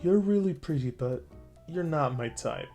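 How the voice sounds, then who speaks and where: A man's voice: fairly high pitch, lively intonation, a little slow, dark tone, faint music behind. A man voicing a laid-back adult man who answers in plain, understated replies. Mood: matter-of-fact.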